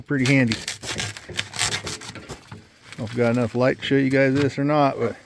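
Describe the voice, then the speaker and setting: A man's voice: mid-range voice, fairly even intonation, a little fast, vocal fry. A man casually explaining a do-it-yourself job in a folksy, joking way. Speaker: trapper showing his work. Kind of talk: casual how-to vlog. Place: workshop or shed with a cement mixer. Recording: noisy background.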